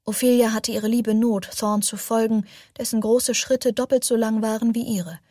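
A woman's voice: on the high side, flat delivery, normal speed, mellow, no echo. Woman narrating an audiobook, dry.

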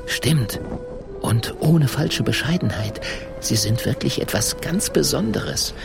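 A man's voice: animated, slow, creaky, over music. A man voicing a skittish, forgetful old-time scribe who talks in a raised, nervous voice. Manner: nervous, higher voice.

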